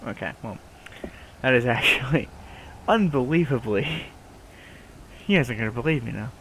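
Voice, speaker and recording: A streamer with a nasal, medium-pitched voice rambles casually and playfully to the camera, chatting with his viewers and swearing now and then. He's animated and speaks at normal speed, with background noise in the recording.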